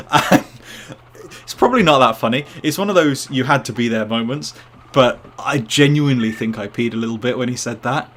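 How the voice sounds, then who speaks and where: A man's voice: mid-range voice, fairly bright tone, a little hiss or hum. A man streaming live gameplay who rambles, jokes and chats with his viewers. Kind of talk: casual live gameplay commentary.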